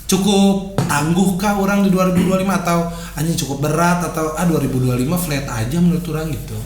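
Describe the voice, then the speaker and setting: Young male podcast host, Sundanese accent, fairly high voice, slangy banter, roomy recording. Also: a little fast. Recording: roomy echo, faint background noise.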